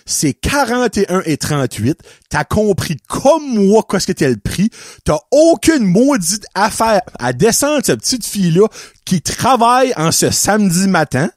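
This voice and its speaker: A man's voice: sits high, sing-song, a little slow, no room sound, clean studio sound. Fiery profane Acadian man ranting. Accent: Acadian French. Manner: heated, profane storytelling, switching between French and English. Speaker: podcast host. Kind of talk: ranting monologue.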